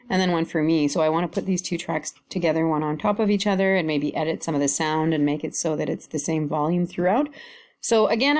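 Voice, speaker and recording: Woman, middle-aged, slightly low voice. Informal how-to host, thinks out loud through on-screen steps. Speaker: tutorial host. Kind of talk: casual screen-recorded software walkthrough.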